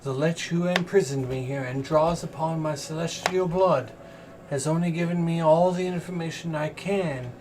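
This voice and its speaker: A man voicing a blinded, imprisoned ancient angel in a tabletop role-play, speaking in slow, formal pronouncements. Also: on the high side, close to an everyday voice. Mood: grave, solemn. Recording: room recording with faint background noise.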